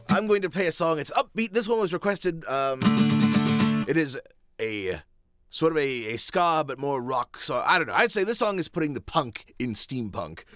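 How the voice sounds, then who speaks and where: Animated, high-pitched male musician host. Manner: halting, self-deprecating, light-hearted. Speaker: musician hosting a live stream. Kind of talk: casual live-stream chat.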